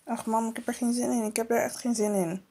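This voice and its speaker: A woman's voice: fairly high pitch, steady tone, fast, dark tone, husky. A woman voicing a reluctant little girl in a toy-figure film, speaking in a whiny, grumbling way. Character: reluctant little girl who skips daycare.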